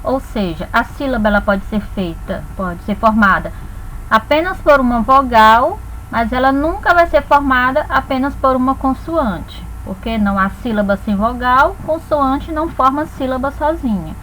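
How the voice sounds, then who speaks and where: Bright high-voiced teacher. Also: female voice, slight background noise, low-quality recording. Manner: slow, spelled-out dictation of syllables. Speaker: Portuguese teacher. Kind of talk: recorded grammar lesson.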